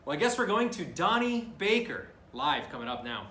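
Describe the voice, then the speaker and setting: A man hosting a comic mock sports show, halting and self-deprecating with many fillers, in an echoey room. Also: a little high, sing-song, background noise. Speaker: host.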